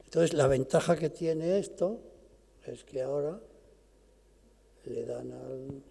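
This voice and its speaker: Gravelly older lecturer in a hall. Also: male voice, medium pitch, dark tone. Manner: explanatory, pauses and restarts mid-phrase. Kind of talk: academic lecture. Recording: long reverb of a lecture hall.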